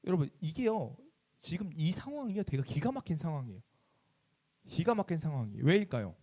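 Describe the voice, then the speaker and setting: A high-voiced man gives a quick, animated youth sermon in a church chapel. His pitch swings widely as he fires question after question at his listeners and answers them himself. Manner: animated, asks the audience many questions and acts out quoted voices. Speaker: youth pastor.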